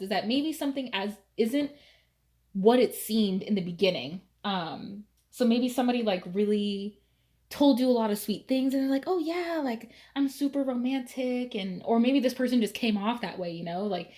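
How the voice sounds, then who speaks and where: A woman's voice: fairly high pitch, darkish tone. A young woman giving a casual tarot reading, chatty and full of fillers, laughing now and then. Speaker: tarot reader.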